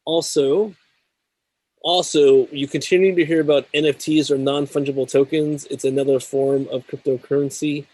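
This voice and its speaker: A man's voice: a little high, level tone, mellow, low-quality recording. A man hosting a tech talk show, reading news items and then interviewing a guest. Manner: measured, reads news items then chats. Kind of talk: scripted news segment and interview.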